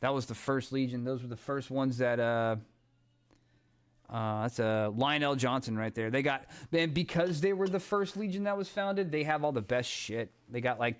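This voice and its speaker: A man streaming a strategy game, chatting casually with a rambling, excitable, profane manner. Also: medium pitch, smooth. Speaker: gaming streamer. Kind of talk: casual gameplay commentary.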